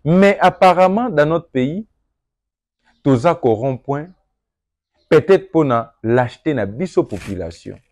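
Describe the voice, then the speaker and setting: Young congolese guy, congolese french accent, talking slow and earnest to the camera, gets emphatic. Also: fairly high pitch, lively intonation, darkish tone, no room sound, studio quality. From Democratic Republic of the Congo. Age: young adult. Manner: earnest, rising to emphatic, mixes French and Lingala. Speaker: political commentator. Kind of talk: monologue address to viewers.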